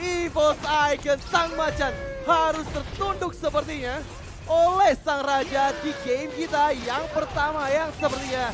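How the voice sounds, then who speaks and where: A man with an Indonesian accent calling an esports match in a dramatic, excited game announcer style. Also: extremely high pitch, unhurried. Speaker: esports play-by-play caster.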